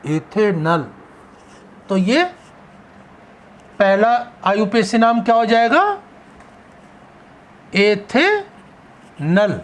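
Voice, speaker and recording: A man's voice: high-pitched, takes it slowly, pauses often. A male chemistry teacher giving a classroom lecture. He poses questions and answers them himself, stretching out the key terms.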